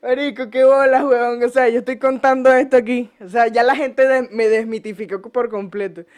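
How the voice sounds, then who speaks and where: This young podcast host has an extremely high-pitched, steady voice with a Venezuelan accent and talks at normal speed, with slight background noise in the audio. Recording at home, he swears a lot, cracks jokes, and laughs often while telling stories.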